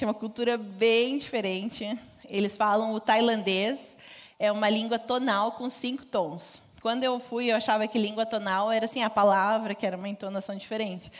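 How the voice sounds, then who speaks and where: A woman's voice: a little high, fairly even intonation, fairly quick. A woman giving a conversational church mission talk, informal and laughing often. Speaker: missionary speaker. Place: church stage.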